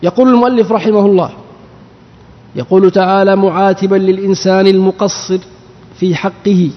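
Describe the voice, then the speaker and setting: Steady in tone and slightly quick, a high-voiced man gives a lesson interpreting the Quran. He takes a patient approach, explaining and quizzing his audience, while the dull recording trails long reverb.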